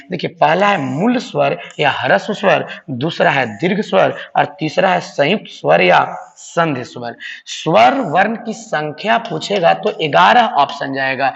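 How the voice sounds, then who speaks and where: A man's voice: a little high, animated, moderate pace, vocal fry, a bit bright. A man teaching a grammar lesson to students, repeating key points and often calling them children. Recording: roomy long-reverb room, dull lo-fi sound.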